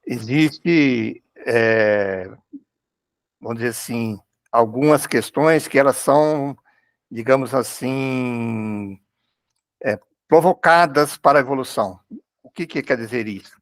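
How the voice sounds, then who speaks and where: A man with a Brazilian accent talking in a religious study group, halting and repeating words as he thinks. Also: medium pitch, dry recording, clean studio sound. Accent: Brazilian Portuguese.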